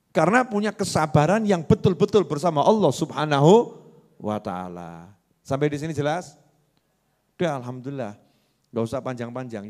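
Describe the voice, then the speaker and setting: A man's voice: mid-range voice, darkish tone. A man preaching a religious lecture, asking the audience questions and answering them himself. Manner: acts out characters in anecdotes with shifting voices.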